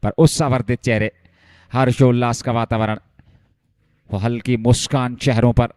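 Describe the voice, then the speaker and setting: A man commentating live on a cricket match, getting excited as the play heats up. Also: medium pitch, normal speed, clear, resonant tone, no room sound, clean studio sound.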